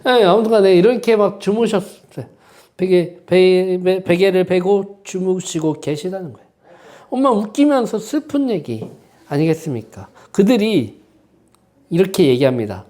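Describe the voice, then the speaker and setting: A man's voice: high-pitched, lively intonation, moderate pace, mellow. A man preaching a Sunday sermon as pastor. He talks with fervor and keeps asking the congregation rhetorical questions. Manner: impassioned, many rhetorical questions and prompting "eh?" tags. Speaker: senior pastor. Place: church sanctuary.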